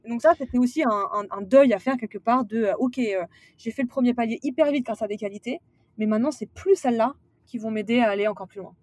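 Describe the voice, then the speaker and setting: On a podcast about management, a woman guest, a former sales director who became a manager, chats casually in a casual interview, full of fillers and restarts. Her voice sits on the high side with a darkish tone and a quick pace, captured in a dry, studio-quality recording.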